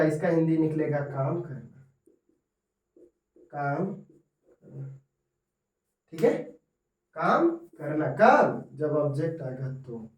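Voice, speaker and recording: Male tutor, high voice, unhurried, heard in an echoey room a little off-mic, keeps repeating example sentences. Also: darkish tone, recorded from a distance. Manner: repeats examples slowly, often says 'दोस्तों'. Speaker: English teacher. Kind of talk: Hindi-medium grammar lesson.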